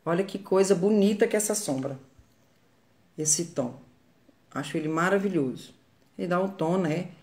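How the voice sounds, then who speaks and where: A woman's voice: fairly low pitch, moderate pace, pauses often, a little mellow. A Brazilian woman giving a live makeup tutorial from her phone, chatty and greeting viewers by name as she works. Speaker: makeup artist.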